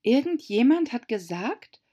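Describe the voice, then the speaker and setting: A woman's voice: fairly high pitch, sing-song, measured pace, mellow, muffled recording, pitched above the performer's own voice. A woman voicing Alice, a polite and thoughtful young girl, speaking earnestly.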